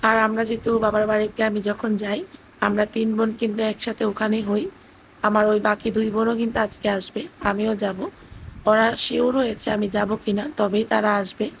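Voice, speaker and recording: A woman, hoarse from talking, gently narrating a family vlog as a voice-over with occasional fillers. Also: medium pitch, flat delivery, moderate pace, a little hiss or hum, poor audio. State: hoarse, voice cracking. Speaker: vlogger narrating family trip. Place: indoors at her parents' house.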